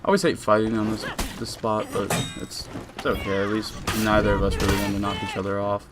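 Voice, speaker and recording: A man's voice: fairly low pitch, fairly even intonation, fairly quick, over loud music. A young man rambling casually through a voice-over commentary on his own game footage, with lots of fillers and restarts. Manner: rambling and laid-back, with many fillers and restarts.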